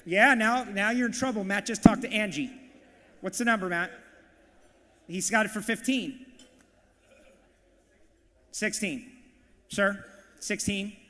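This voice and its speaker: A man working as auctioneer and emcee at a live charity event, calling bids in a rapid, punchy, hyped way. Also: high voice, bright, forceful tone, big-room sound. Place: large banquet hall, live audience.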